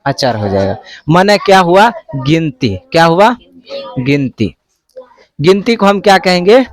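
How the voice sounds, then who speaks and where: High-voiced male teacher. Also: very animated, a little slow. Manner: call-and-response questioning, repeats answers. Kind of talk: classroom math lesson.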